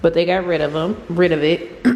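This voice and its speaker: A woman's voice: fairly low pitch, animated, a little slow, mellow, slight background noise. A woman giving a chatty, informal apartment tour to her viewers, her voice carrying a big hall echo from an empty unfurnished apartment. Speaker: vlogger. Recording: echoey empty room with faint music.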